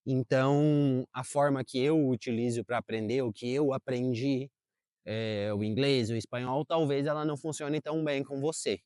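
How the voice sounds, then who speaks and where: A young man vlogs outdoors in a park, chatting casually to the camera, often correcting himself and leaning on fillers; Portuguese is his first language. His mid-range voice holds a steady, darkish tone at normal speed, captured dry with clean studio sound.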